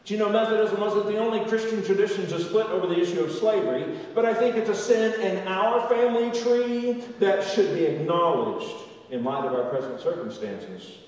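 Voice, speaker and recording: A male pastor preaching a sermon, moving between raised emphatic lines and quiet low asides. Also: moderate pace, hardly any pauses. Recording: echoey hall, distant from the mic.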